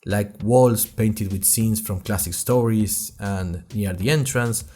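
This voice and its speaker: On the low side and slow, a man's voice carries scripted first-person narration over soft background music. He's playing an inquisitive young student journalist who hosts a fictional podcast, relating his adventures with chatty, wry, expressive flair.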